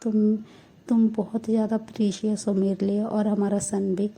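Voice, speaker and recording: A woman voicing a loving young husband in a soft, affectionate way within a story. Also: mid-range voice, level tone, moderate pace, creaky, breathy edge, rough recording. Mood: tender.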